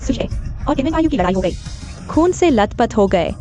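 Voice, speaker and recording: Worried young girlfriend, urgent, high voice, faint music. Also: big pitch swings, moderate pace, dark tone. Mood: alarmed. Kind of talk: dubbed short drama.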